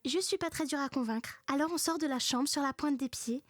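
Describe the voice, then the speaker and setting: High-pitched woman telling a comic story. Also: brisk, no room sound, studio quality. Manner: casual, slangy, sarcastic. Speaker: narrator of a comedic story parody. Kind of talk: first-person comic storytelling, acted.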